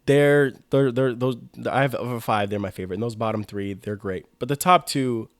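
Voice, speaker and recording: A young man co-hosting a sports podcast in an easygoing chat, full of filler words and quick restarts. His voice sits at a middling pitch, recorded close and dry with no room sound. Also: dry recording. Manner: enthusiastic, lots of "like" fillers and restarts. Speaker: podcast co-host.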